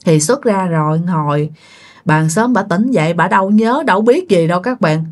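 A woman's voice: fairly low pitch, animated, normal speed. A woman, telling ghost stories in a chatty way that speaks to the listeners. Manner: chatty, addresses listeners with fillers. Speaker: storyteller. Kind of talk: casual ghost story narration.

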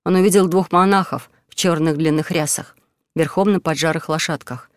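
A man narrating an audiobook story in a steady, expressive way. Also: on the high side, moderate pace, dry recording, studio quality.

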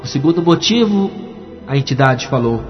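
A man's voice: mid-range voice, lively intonation, moderate pace, faint music behind. A pastor giving a dramatic testimony sermon, acting out the voices in his story. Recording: dull recording with long hall reverb.

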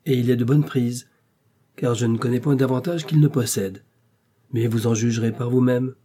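A man's voice: mid-range voice, steady tone, moderate pace, dark tone, breathy edge, natural voice. A man reading aloud, voicing a mocking, courtly man of society in an audiobook. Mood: ironic. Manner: ironic, courtly.

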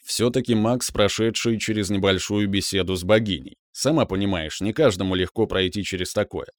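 A man voicing a calm, unflappable young man possessed by a demon, in an audiobook. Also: lowish voice, a little fast, no room sound, close to an everyday voice. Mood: dry. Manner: unflappable, dry.

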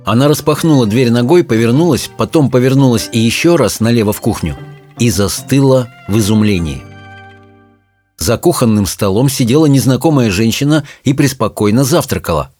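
A man reading a children's fantasy story aloud in an expressive storytelling manner. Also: medium pitch, a little fast, soft background music. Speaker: audiobook narrator. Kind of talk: audiobook reading.

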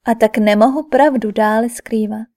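A woman's voice: a little high, fairly even intonation, dark tone, natural voice. A woman voicing a grieving royal mother. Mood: sorrowful. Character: grieving royal mother confessing old secret. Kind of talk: audiobook character reading.

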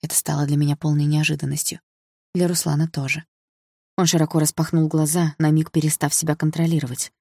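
A woman narrating an audiobook in the first person, calm and measured. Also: low voice, slightly rough, dry recording, clean studio sound.

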